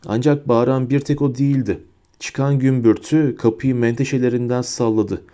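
A man narrating a story aloud in a steady reading voice. His tone is dark and mellow, with a middle pitch. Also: normal speed. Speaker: audiobook narrator. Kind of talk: scripted narration.

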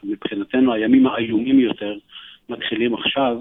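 A man speaking as a radio interview guest, earnest and urgent, often pausing with hesitations. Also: medium pitch, huge pitch swings, gravelly. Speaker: interview guest, economic educator. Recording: tinny phone line.

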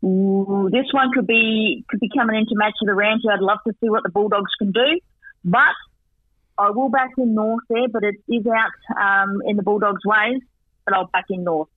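A man giving a chatty football match recap and tips as a radio guest, rattling off stats with quick asides. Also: sits high, steady tone, no echo. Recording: tinny dry phone line.

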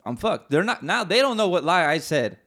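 Fast-talking slangy man telling a story. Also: high-pitched, sing-song, sharp tone. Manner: rambling, slangy, swears often, many restarts. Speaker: podcast co-host. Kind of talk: casual storytelling.

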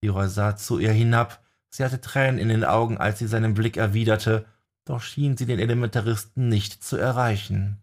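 A man reading a dark fantasy story aloud in measured, dramatic narration. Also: fairly low pitch, steady tone. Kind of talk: scripted audiobook narration.

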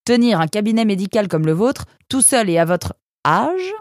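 A woman's voice: medium pitch, moderate pace, no room sound, studio quality, pitched above the performer's own voice, close to an everyday voice. A woman voicing an eager young male creature who stammers with many hesitations, in a storybook reading. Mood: eager stammering. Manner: stammering with many "euh", excitable.

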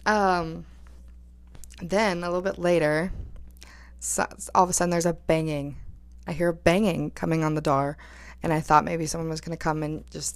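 A woman's voice: on the low side, vocal fry, no room sound. A woman in her early twenties casually telling a dating story, full of "like" and laughing as she talks. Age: 20s. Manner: chatty, lots of "like", laughs while telling.

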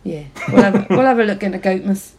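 A woman's voice: mid-range voice, fairly quick, darkish tone. A woman with a Norfolk accent chatting casually as a podcast co-host, slangy, jokey and self-deprecating. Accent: Norfolk English. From Norfolk, England. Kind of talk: casual comic chat.

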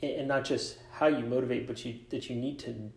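A man's voice: medium pitch, steady tone, brisk, creaky, darkish tone. A man hosting a casual interview about coaching, reflective, asking long rambling questions. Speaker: podcast host, coach and author. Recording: echoey room.

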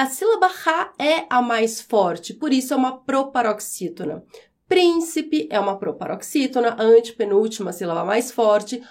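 High-voiced teacher. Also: female voice. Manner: slow, clear, syllable-by-syllable explanations. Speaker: Portuguese teacher. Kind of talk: podcast language lesson.

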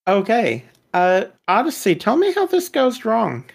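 A woman's voice: a little high, huge pitch swings, unhurried, creaky, slightly rough. A woman casually running a tabletop game as game master, improvising and checking in with her players.

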